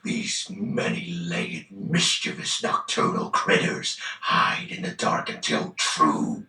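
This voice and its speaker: A man's voice: sits low, vocal fry, bright, forceful tone, recorded from a distance, full character voice. A man voicing a theatrical, pompous lord of shadows in a video game, making grandiose, commanding proclamations. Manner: bombastic, drawn-out commanding proclamations. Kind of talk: video game character acting. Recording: roomy echo, faint music behind.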